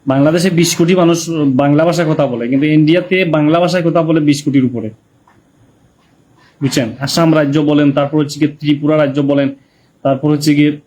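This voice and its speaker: A man's voice: on the high side, darkish tone. A man with a Sylheti Bengali accent chatting casually on a live stream, reading viewers' comments and greeting them by name.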